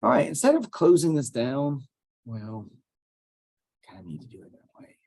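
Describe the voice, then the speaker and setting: With a mid-range, darkish voice, this teacher is very animated at a normal speed. He records his screen and explains a computer task step by step, casually thinking aloud with each click.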